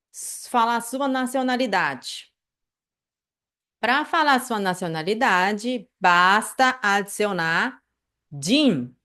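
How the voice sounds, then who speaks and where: A woman with a Brazilian Portuguese accent teaching an online language lesson, patiently repeating phrases slowly and checking in with the listener. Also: medium pitch, fairly bright tone.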